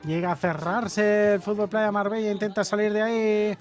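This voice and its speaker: High-pitched male sports commentator. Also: flat delivery, normal speed, soft background music. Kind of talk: live beach soccer play-by-play commentary.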